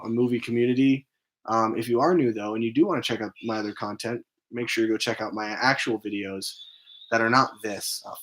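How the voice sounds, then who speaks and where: Tired guy rambling thru a game stream, lots of ums, medium pitch voice. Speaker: movie channel host streaming a game. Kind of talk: casual gaming stream chat.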